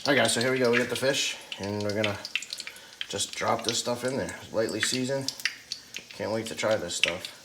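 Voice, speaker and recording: A man's voice: fairly low pitch, normal speed, heavy background noise. A man talking casually to viewers as he cooks in a folksy, chatty way, like a home cooking vlog host. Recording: clear frying sizzle, uneven mic level. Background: sizzling oil in a frying pan.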